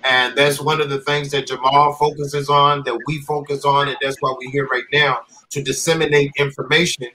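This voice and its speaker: A man's voice: medium pitch, level tone, moderate pace, few pauses, pushed and bright, slight background noise, low-quality recording. A man hosting an online conference on a video call, prompting a guest and repeating himself as he urges him on. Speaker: host.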